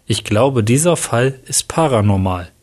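A man's voice: medium pitch, expressive, measured pace. A man reading the lines of a matter-of-fact male detective.

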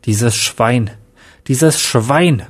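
A man voicing an angry male police investigator who shouts in a raised voice. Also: medium pitch, expressive, a little slow. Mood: furious.

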